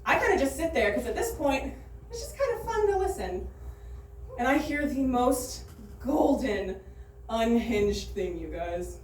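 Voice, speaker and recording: A woman performing a stand-up comedy set in a club, animated and profane, often laughing at her own jokes. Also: fairly high pitch, measured pace, a little hiss or hum. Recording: roomy club sound from a distance.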